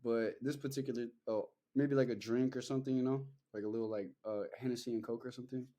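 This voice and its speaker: A young man with a warm, mellow voice at a middle pitch, rambling in casual podcast chat. He talks loosely, full of fillers and cursing, circling back as he goes. It sounds like an easygoing conversation between friends. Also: fairly even intonation, quick pace, highs cut off. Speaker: podcast host.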